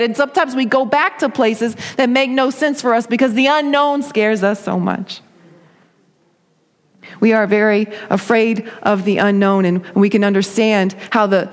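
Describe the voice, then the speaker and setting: A high-pitched woman preaching a sermon, her voice ringing out with a long hall reverb. She builds her points through repetition into a rising preacher's cadence, in a church sanctuary lined with chairs.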